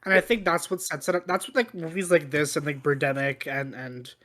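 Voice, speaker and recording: A man with a fairly high voice chats as a movie podcast host. He sounds tipsy, rambling through his opinions, doubling back on his words and cursing casually. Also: steady tone, a little fast, a bit bright. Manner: tipsy, from drinking on the show; rambling, repeats himself, swearing. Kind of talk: casual movie review banter.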